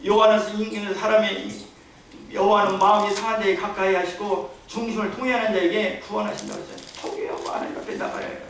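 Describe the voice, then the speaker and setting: A man's voice: high-pitched, flat delivery, quick pace, fairly bright tone, very echoey. Male pastor, storytelling preacher who keeps asking rhetorical questions, recorded from a distance in a church, faint hiss behind. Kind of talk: sermon. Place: church sanctuary.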